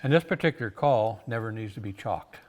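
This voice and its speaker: Man, lowish voice, folksy and plain-spoken, informal product explainer, long room reverb. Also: lively intonation, fairly quick, very noisy. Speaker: game call maker demonstrating his products.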